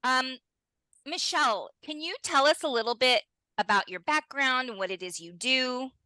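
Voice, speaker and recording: A woman's voice: sits high, normal speed, sharp tone, dry recording, rough recording. A young adult woman hosting a podcast interview, bubbly and exclamatory, speaking straight to her listeners. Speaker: podcast host.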